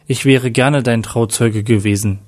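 A man's voice: medium pitch, fairly even intonation, unhurried, darkish tone, close to an everyday voice. A man voicing a young man saying a tender last farewell to his best friend.

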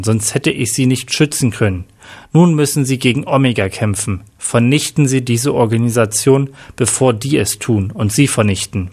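A man's voice: mid-range voice, darkish tone, lightly acted. A man voicing a worried former police superintendent leaving an urgent voicemail warning.

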